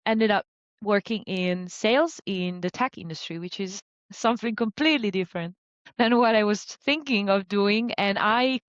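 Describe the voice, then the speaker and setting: A woman in her thirties from Italy, a business coach talking about her career in a relaxed, chatty way with many fillers. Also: medium pitch, normal speed, no room sound, lo-fi sound. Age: 30s. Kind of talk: conversational interview.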